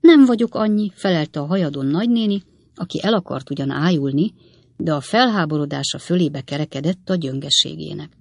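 An audiobook narrator reading a classic novel in a measured storytelling manner. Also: medium pitch, creaky, dry recording, clean studio sound.

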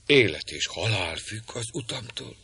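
Man reading as a gruff nobleman posing as a monk, impatient, low voice, bright tone. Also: expressive, exaggerated voice. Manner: slow, blustering and gruff.

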